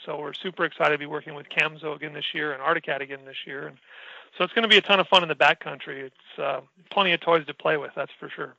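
A middle-aged man from Wisconsin, a sled brand's sponsor, telling stories in a relaxed way as a podcast guest. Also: on the high side, fast talker, creaky, no echo, lo-fi sound. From Wisconsin, US Midwest. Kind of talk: casual podcast interview.

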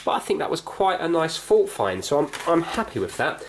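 Talking quickly in a fairly high, sing-song voice, this man hosts a repair video and casually walks through the hands-on job, musing aloud and hesitantly describing every step. He's indoors at a messy workbench, and the recording carries distinct background noise plus handling clicks.

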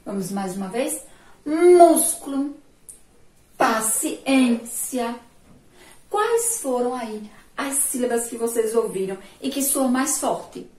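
A woman teacher with a Sergipe Brazilian accent, giving a remote lesson, stretching syllables slowly and praising her pupils' answers. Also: fairly high pitch, lively intonation. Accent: Sergipe Brazilian Portuguese. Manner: slow, drawn-out syllables, asks pupils questions and praises answers. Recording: echoey room, voice far from mic.

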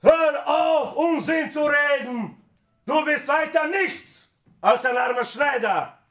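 An actor playing a blustering, indignant old village father on stage, with emphatic, contained shouting. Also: very high voice, takes it slowly, far from the mic, full character voice. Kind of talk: stage musical acting in German, spoken and half-sung. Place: theatre stage. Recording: roomy theatre stage recording.

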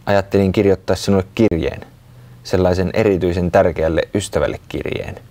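A man voicing gentle worried little Molli. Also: deep voice. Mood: earnest. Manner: sighing, hesitant, earnest. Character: small worried sulky child-like creature Molli.

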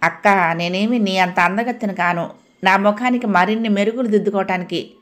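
A woman voicing a composed young widow who speaks in a calm, measured and firm way. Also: mid-range voice, lightly acted.

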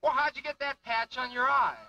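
A man's voice: very high voice, brisk, sharp tone, far from the mic, dull audio, slight background noise, heavily acted. A man voicing an adult male sailor who keeps asking plain questions. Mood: curious.

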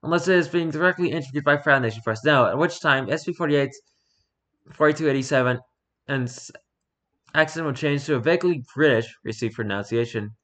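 A man's voice: mid-range voice, quick pace, fairly bright tone. Man reading aloud with dry asides. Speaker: reader. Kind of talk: casual reading aloud of a story document.

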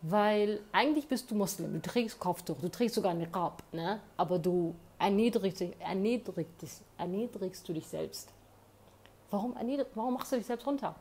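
Talking straight to her phone camera indoors, this woman gives heartfelt, forceful motivational advice and keeps checking in with tag questions. She speaks at a normal speed in a medium-pitched, slightly rough, somewhat mellow voice, like a typical advice vlogger.

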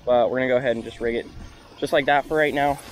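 A man's voice: mid-range voice, steady tone, fast. A young man in a casual vlog, narrating to an action camera while he fishes from a small open boat. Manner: upbeat, talks to the camera while working the line. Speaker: fishing vlogger. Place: open flats boat on the water outdoors. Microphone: action camera mounted on the boat. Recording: wind and boat noise outdoors.

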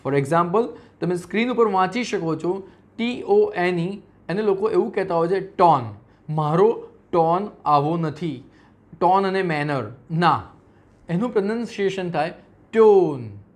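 Male teacher, Gujarati accent, high voice, spells words out and acts out common mistakes. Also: normal speed. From Gujarat, India. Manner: explains by spelling words out letter by letter; acts out common mispronunciations with everyday examples. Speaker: English pronunciation teacher. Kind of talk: teaching lesson.

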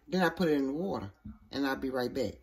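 In her noisy home kitchen, a woman runs a casual cooking demonstration, folksy and talkative as she goes step by step, frequently saying "okay." She talks fast and animatedly in an extremely low-pitched voice.

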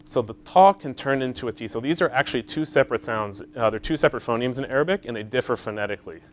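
A man's voice: mid-range voice, expressive, quick pace. Man lecturer, engaging, checks in with the audience; slight background hum. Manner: explains step by step, checks in with "right?" and "okay?"; frequent fillers, engages the audience. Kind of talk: academic conference talk.

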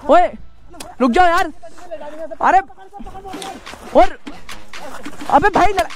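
High-voiced exasperated young man pleading. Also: drawn-out words. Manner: pleading, exasperated, trying to stop a fight. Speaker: motovlogger. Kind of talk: casual vlog argument.

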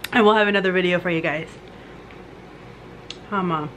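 A woman's voice: on the low side, fairly bright tone, slight background noise. A young woman vlogging casually at a family dinner, giggly and switching between English and Spanish. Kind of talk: casual mukbang vlog chat.

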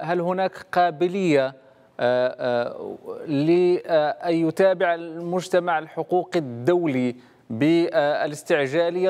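A man hosting a TV news debate, posing formal, measured questions. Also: a little high, darkish tone, in a large hall. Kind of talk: formal news host moderation. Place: TV studio.

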